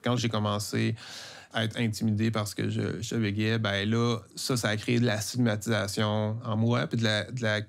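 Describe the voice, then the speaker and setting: A man's voice: fairly low pitch, little pitch movement, normal speed, gravelly. A middle-aged man with a Québécois accent telling his own story, stuttering with frequent repeated words and sounds. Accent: Québécois French. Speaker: interviewee, comic book author. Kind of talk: personal testimony.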